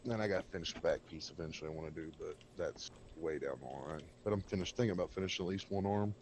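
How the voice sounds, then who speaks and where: A man's voice: low-pitched, quick pace, a little mellow, slight background noise. A man chatting bluntly and rambling on a gaming stream, talking with a cigarette in his mouth. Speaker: game server co-host. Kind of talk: casual gaming stream chat. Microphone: desk microphone by keyboard.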